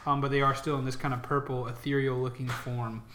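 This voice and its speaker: A man's voice: medium pitch, little pitch movement, brisk, a bit bright. A man improvising narration as the game master of a tabletop role-playing game. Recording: roomy, echoing room sound.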